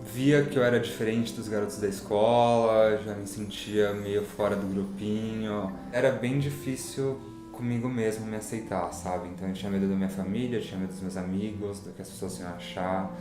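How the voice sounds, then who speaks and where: A man speaks reflectively and with some hesitation, his voice low. Guitar music plays clearly behind him in an echoey room. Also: fairly even intonation, normal speed, few pauses. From São Paulo, Brazil. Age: 20s. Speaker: interviewee. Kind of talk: personal testimony.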